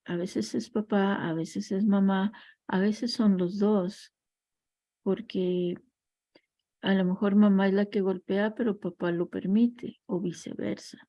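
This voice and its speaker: A woman's voice: mid-range voice, steady tone, slow pace, mellow, dry recording. A woman teaching a class on family constellations, speaking reflectively and weaving in parables and personal stories. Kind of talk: recorded class lecture.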